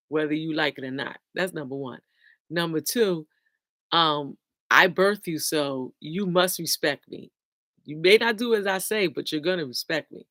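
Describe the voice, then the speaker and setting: A woman's voice: fairly low pitch, a bit bright, dry recording. Middle-aged lady chatting to her viewers, blunt and emphatic, always laughing. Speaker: livestream host. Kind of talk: casual livestream talk to viewers.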